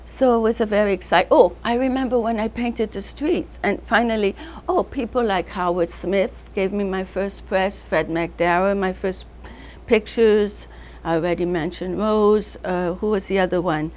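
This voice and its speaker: An older artist born in North Africa speaks at a moderate pace, her mid-range voice a little mellow and her intonation fairly even. In this casual interview she meanders between names and memories, frequently breaking into laughter as she tells her stories.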